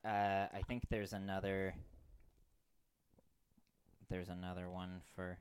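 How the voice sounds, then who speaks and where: A man's voice: sits low, little pitch movement, slow, slight background noise. A man refereeing a tabletop game as game master, casual and explanatory, often hesitant.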